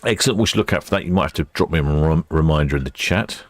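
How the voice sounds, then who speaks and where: Low voiced bloke doing casual ship spotting livestream, chatty, kinda thinking out loud. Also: male voice, fast, soft background music. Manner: chatty, musing aloud. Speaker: livestream host.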